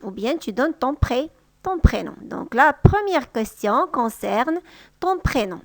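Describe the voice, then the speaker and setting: A woman with a high voice gives a language lesson at an unhurried pace. She says each model phrase twice, a touch louder. The sound is dry and close to the mic. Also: very animated, no room sound. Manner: patient, repeats example sentences slowly and louder. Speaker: French teacher. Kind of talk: slow, clear language lesson.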